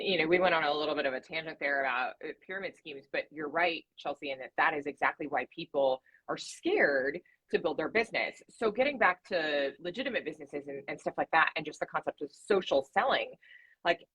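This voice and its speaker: A woman co-hosting a casual business chat podcast, talking in a relaxed, conversational way and telling stories. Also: deep voice, a little fast, husky, poor audio. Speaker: podcast co-host.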